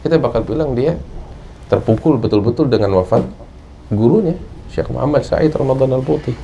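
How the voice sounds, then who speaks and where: Man, Indonesian accent, sermon, storytelling, emphatic peaks, mellow low voice, faint background noise. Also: lively intonation, fairly quick, vocal fry, dull audio. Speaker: religious teacher. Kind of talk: Islamic study sermon.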